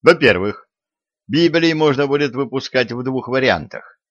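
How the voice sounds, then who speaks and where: A man voicing an eager young man who pitches his plans in a brisk, raised voice. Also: expressive, a bit bright, no echo. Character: eager young man, bold schemer, upbeat. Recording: dry, dull lo-fi audio.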